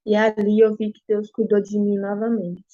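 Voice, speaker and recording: A young adult woman with a Brazilian Portuguese accent gives an emotional personal testimony, repeating herself with halting pauses, at home. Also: mid-range voice, monotone, dark tone, no room sound. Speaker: interviewee giving testimony. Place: apartment at home. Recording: slightly dull lo-fi, dry.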